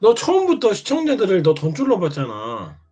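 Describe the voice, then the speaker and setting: A man's voice: high voice, huge pitch swings, brisk, dark tone, slightly rough. A man taunting and scolding another streamer in a mocking monologue, prodding again and again with short questions. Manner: needling, keeps prodding with "eh?". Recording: dull lo-fi sound.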